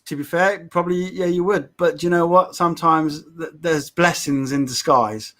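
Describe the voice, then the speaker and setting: A fairly high-voiced English man hosts a casual live stream. He talks in an upbeat, rambling way, tripping over and repeating words as he goes. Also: normal speed, a bit bright. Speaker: show host.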